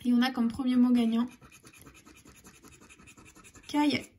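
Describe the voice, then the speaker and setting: A woman narrating her scratch-card session in a chatty vlog style, spelling out letters and sometimes dropping into soft half-whispers. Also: on the high side, steady tone, slow pace, a little hiss or hum. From France. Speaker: YouTuber scratching lottery tickets.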